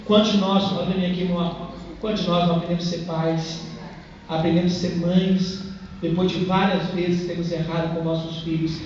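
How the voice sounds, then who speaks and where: A man's voice: high voice, level tone, a little fast, darkish tone, slight background noise. A man with a Brazilian accent preaching a sermon as a pastor, speaking with passion but in a conversational way, often addressing listeners directly. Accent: Brazilian Portuguese. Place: church hall. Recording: echoey church hall, distant dull mic.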